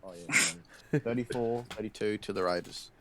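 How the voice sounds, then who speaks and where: Casual aussie guy, muffled and hollow like he's in a fishbowl, quick offhand footy tips. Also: fairly low pitch, crowd noise. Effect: muffled, hollow sound like talking inside a fishbowl. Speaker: panelist tipping rugby league games. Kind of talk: casual group chat over a call.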